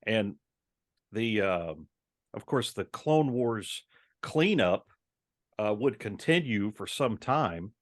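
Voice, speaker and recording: A man's voice: on the low side, animated, takes it slowly, long pauses, no echo. Rambling man on a dry podcast mic. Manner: rambling, many ums and restarts. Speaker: podcast co-host. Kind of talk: casual podcast discussion.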